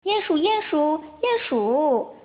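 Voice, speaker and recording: Woman voicing a little boy animal, storybook, childlike, eager, high, tinny phone-like sound. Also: animated, unhurried. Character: kind, brave little male animal child.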